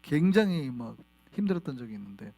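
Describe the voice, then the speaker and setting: Animated male pastor preaching. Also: medium pitch, quick pace. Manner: animated, asks the congregation questions. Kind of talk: sermon. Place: church sanctuary.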